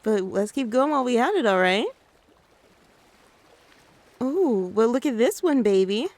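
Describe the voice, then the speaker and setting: A woman playing a gentle doting mother. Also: fairly high pitch, animated, unhurried, no echo. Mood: tender. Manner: soothing, coaxing, talks to the listener as a child. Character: gentle doting mother taking her little one out. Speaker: ASMR creator. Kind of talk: soft-spoken ASMR role-play.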